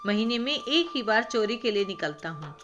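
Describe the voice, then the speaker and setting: A woman's voice: medium pitch, sing-song, normal speed, natural voice. A woman reading a storybook voices a polite, kind-hearted male village thief who speaks respectfully. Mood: apologetic. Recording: background music.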